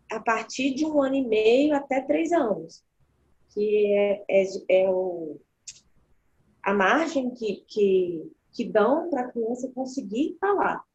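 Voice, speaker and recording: A woman speaking as a guest, explaining child development in animated conversation and acting out the voices she quotes. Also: on the high side. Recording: dull lo-fi sound.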